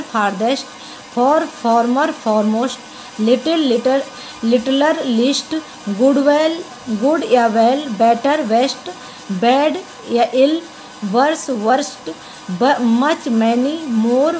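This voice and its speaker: A woman's voice: a little high, poor audio. A woman teaching a grammar lesson, patiently repeating word forms and spelling them out.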